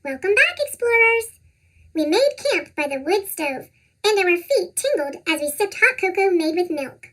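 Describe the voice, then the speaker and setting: A storybook narrator reading to children in an animated, expressive way, with a squeaky pitched-up chipmunk cartoon voice. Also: moderate pace. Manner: animated, expressive read-aloud. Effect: pitched-up chipmunk voice effect.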